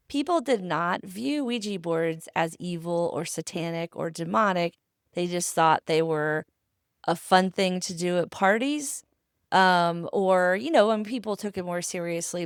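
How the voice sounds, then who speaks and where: A woman's voice: fairly low pitch, clean tone, dry recording, studio quality. A woman podcast host casually telling a history story in a chatty, conversational way, with asides.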